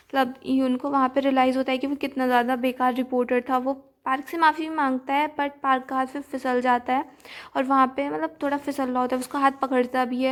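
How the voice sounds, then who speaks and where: A woman casually retelling a movie plot, chatty and full of fillers, mixing in English words. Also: sits high. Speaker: movie recap narrator.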